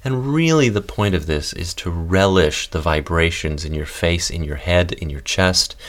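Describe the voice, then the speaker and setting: A man hosting a podcast voice lesson, calmly guiding listeners through breathing, fuffing and humming exercises. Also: low voice, moderate pace. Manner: calm, guiding instructions with demonstrations. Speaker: voice and text coach.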